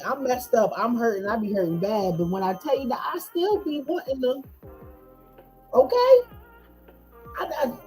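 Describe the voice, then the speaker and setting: A woman hosting a casual podcast from home. Her voice sits high and mellow, and she jokes and laughs loudly with her guest. Faint music runs underneath. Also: rough recording. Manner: loud, laughing, animated banter. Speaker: podcast host. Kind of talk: casual chat. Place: home, eating on a livestream.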